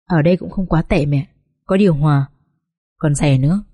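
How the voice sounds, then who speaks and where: A woman voicing a young daughter who pleads softly with her mother. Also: sits low, normal speed, breathy edge, no echo, pitched below the performer's own voice. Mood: gentle. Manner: soft, pleading.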